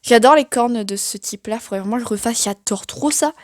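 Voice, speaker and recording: A woman's voice: a little high, brisk, darkish tone, no room sound, studio quality. A young woman giving a casual, chatty tour of her sketchbook, self-mocking and full of fillers. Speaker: art vlogger.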